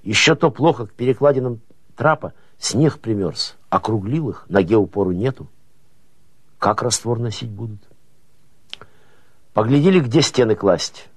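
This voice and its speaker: A man narrating prose as an audiobook, with expressive folksy storytelling rhythm. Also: on the low side, normal speed, pauses often, breathy edge, dry recording.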